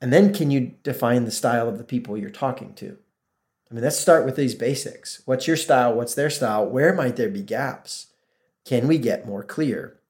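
A man's voice: medium pitch, normal speed, a little mellow. A middle-aged man hosting a solo podcast in a casual way, often acting out quoted voices of friends. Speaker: podcast host.

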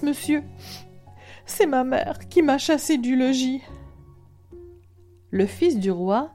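A woman reading a classic fairy tale aloud in a measured storytelling manner. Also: mid-range voice, warm tone. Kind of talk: scripted narration.

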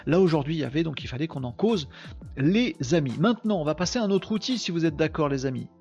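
A podcast host with traces of a Picard (ch'ti) accent chats casually on a live stream, joking with his viewers, addressing the chat and poking fun at himself. His voice sits on the high side, expressive and quick, with a darkish tone. The audio is dull, with faint music behind him.

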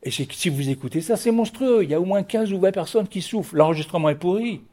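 A man's voice: high-pitched, expressive, fast, dark tone. A man over fifty, a guest in an interview, speaking with passion while often stumbling and repeating his words. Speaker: guest, record producer and music writer. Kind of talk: radio interview.

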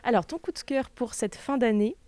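A woman hosting a radio segment, introducing guests with brisk, friendly lines. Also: fairly high pitch, dark tone. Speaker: radio host.

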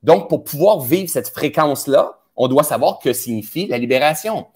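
A man's voice: a little high, lively intonation, moderate pace, darkish tone, breathy edge. A man with a Québécois French accent hosting a spiritual live stream, greeting viewers and speaking directly to them with many fillers. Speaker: host of a personal growth live stream. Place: indoors, traveling.

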